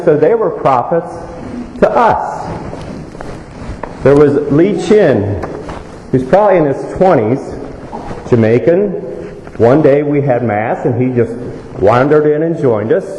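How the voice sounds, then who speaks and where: A man's voice: medium pitch, dark tone, lo-fi sound. A man giving a conversational homily as a priest, plain-spoken and anecdotal, his voice echoing in a church. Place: reverberant church. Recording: echoey church reverb with faint noise.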